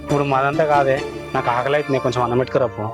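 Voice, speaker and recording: A man's voice: mid-range voice, little pitch movement, very fast, over music, natural voice. A man, playing a hungry, henpecked village husband complaining to his wives. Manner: whining, complaining.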